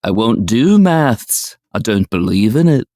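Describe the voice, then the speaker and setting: A man's voice: lowish voice, big pitch swings, measured pace, mellow, no room sound, studio quality. A man co-hosting a casual chat podcast, joking and slipping into silly voices. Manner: jokey, puts on silly voices. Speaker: podcast co-host.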